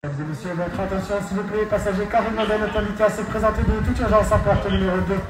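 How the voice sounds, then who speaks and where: Guy doing a high fast airport announcer over the PA, formal and urgent, crowd noise around. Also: steady tone. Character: male airport announcer calling a passenger over a PA system. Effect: over a PA system, distant.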